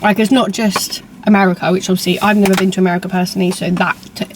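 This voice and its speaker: Young woman, mid-pitched voice, casual co-host chat over food, clear noise behind her. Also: flat delivery, rapid-fire. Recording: clear background ambient noise.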